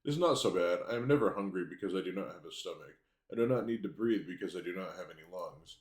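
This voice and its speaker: A low-pitched, chatty severed head, played by a man reading game dialogue aloud. It speaks in courteous archaic phrases and sounds entirely unbothered by having no body. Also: animated, quick pace, echoey room. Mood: content. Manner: archaic, polite, unbothered speech. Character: cheerful, talkative severed head of a male assistant.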